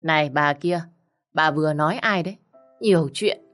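A woman's voice: low-pitched, normal speed, soft background music. Woman doing a drunk, belligerent husband. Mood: drunk, angry. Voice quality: slurred, husky with drink. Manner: shouting, belligerent. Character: drunk angry middle-aged husband.

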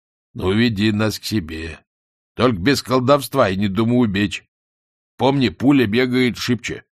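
A man's voice: fairly low pitch, normal speed, no echo, studio quality, close to an everyday voice. A man playing a blunt, bossy rustic soldier who talks in folksy village speech. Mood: gruff.

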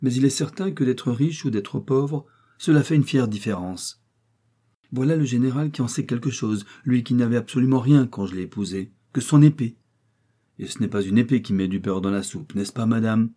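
A man's voice: medium pitch, normal speed, mellow, breathy edge, natural voice. A man reading an audiobook voices a snobbish, boastful wealthy provincial lady with an affected manner. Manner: affected, prattling, fishing for agreement.

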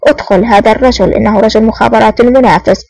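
A woman's voice: a little high, fairly even intonation, very fast, creaky, darkish tone, breathy edge, rough recording. A woman voicing a cruel, sneering older male villain agent in an audiobook, threatening and blunt. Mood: menacing.

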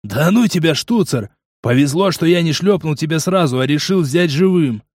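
A man reading the part of a gruff, sarcastic male mercenary partner in an audiobook. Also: on the high side, lively intonation, normal speed, a little mellow, dry recording, clean studio sound.

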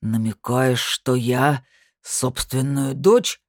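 A woman voicing a grieving, stubborn male mayor in an audiobook, protesting in a lowered voice. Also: steady tone, slow pace, no room sound, clean studio sound, full character voice. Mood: grieving, angry. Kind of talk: audiobook character voice.

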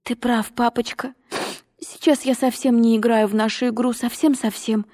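A woman's voice: on the high side, lively intonation, normal speed, darkish tone. A woman voicing a cheerful, eager little girl who talks with bubbly, breathless enthusiasm. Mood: sad. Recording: long reverb.

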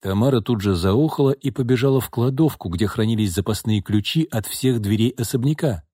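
A man narrating an audiobook in a scripted, expressive, dramatic reading. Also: mid-range voice, a little fast, breathy edge, dry recording, clean studio sound.

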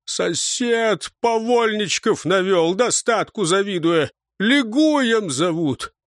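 A man's voice: high voice, lively intonation, slow pace, no echo, studio quality, pitched above the performer's own voice. A man putting on a whining frightened old fence. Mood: tearful whine.

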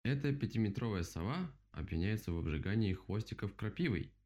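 A man's voice: lowish voice, animated, brisk, a little mellow, natural voice. A man voicing a self-important male rabbit who makes grand, theatrical accusations. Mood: pompous.

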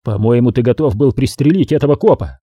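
A man's voice: mid-range voice, expressive, quick pace, no room sound, dull audio, close to an everyday voice. A man reading an audiobook voices a tough, curt male getaway driver in close to his own voice. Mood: stern. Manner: curt, gruff.

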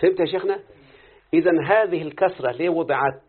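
An Egyptian man leads a live lesson, explaining grammar quickly and breaking off often to ask whether his student understands. His voice is husky, and the recording is thin and tinny, like a phone line. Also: on the high side. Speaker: teacher of Quranic readings and grammar.

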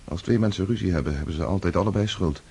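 A man's voice: deep voice, fast talker, vocal fry, dark tone, breathy edge, full character voice. An actor playing Pierre, an earnest man back from war captivity, speaking in a reflective, emotional way in a radio drama. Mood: remorseful.

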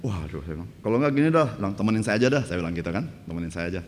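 A man's voice: sits low, expressive, rapid-fire. A male pastor, preaching a sermon through humorous stories and asking the congregation "right, brothers and sisters?". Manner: grows louder and more fervent in preaching. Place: church hall. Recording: church hall reverb, faint background noise.

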